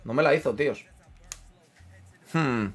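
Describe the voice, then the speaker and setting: Soft music plays in the background as a man speaks slowly in a mid-range voice, streaming a football management game. His casual gameplay commentary mixes banter, muttering to himself, and reading chat aloud.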